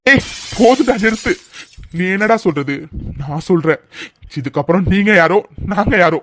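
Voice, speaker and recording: A man's voice: high-pitched, expressive, normal speed, dry recording, studio quality. A man voicing an indignant, hot-tempered young man in a cartoon. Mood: angry. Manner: indignant, shouting.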